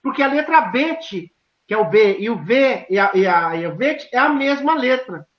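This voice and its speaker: A woman's voice: a little high, lively intonation, moderate pace. A woman from southern Brazil with a southern Brazilian accent, telling stories animatedly and acting out quoted dialogue with emphatic questions. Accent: southern Brazilian Portuguese. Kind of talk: animated storytelling conversation. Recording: roomy, dull lo-fi sound.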